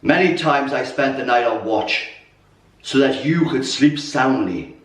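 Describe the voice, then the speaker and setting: A proud, wounded warrior king , acted by a man, addresses his troops in a theatrical monologue. He speaks slowly and declaims with weighty pauses. The voice sits back from the microphone in a strongly reverberant room. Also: mid-range voice, expressive, lightly acted. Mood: impassioned, challenging. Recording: roomy echo, distant mic.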